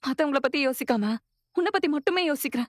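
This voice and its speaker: A woman's voice: high-pitched, lively intonation, fast talker, dry recording, clean studio sound. An actress playing a hurt young woman who pleads with and reproaches her boyfriend on the phone. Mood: pleading. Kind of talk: TV serial acting.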